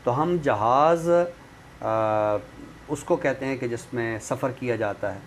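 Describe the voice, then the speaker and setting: A man with a mid-range voice speaks slowly as a literary expert guest, explaining matters in a conversational, didactic style. He keeps checking that the listener follows by using tag phrases. Background room noise is clearly present.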